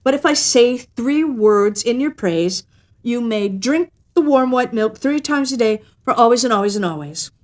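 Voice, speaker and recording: A woman's voice: on the high side, expressive, normal speed, pitched above the performer's own voice, lightly acted. A woman voicing a shrewd, self-assured cave woman in a storybook, speaking emphatically and firmly. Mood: amused, bargaining. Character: shrewd, firm cave woman bargaining with an animal.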